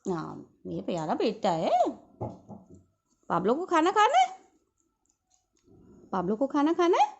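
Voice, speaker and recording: A woman's voice: on the high side, huge pitch swings, unhurried, gravelly, pauses often, slightly rough, highs cut off. A woman coaxing her pet parrot in doting baby talk. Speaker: pet owner.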